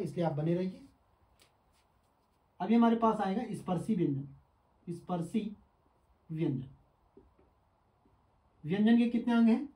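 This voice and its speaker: A man's voice: high voice, darkish tone. Man teaching from a distant echoey mic. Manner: asks the class questions and answers them himself; sounds out syllables slowly one by one. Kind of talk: exam-prep lesson at a board.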